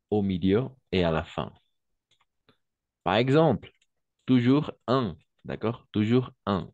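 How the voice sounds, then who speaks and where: A man's voice: fairly low pitch, darkish tone, no room sound, lo-fi sound. A man teaching French to Spanish speakers, explaining patiently, switching into Spanish and checking in again and again. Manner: slow, patient explaining, constant "d'accord?" checks.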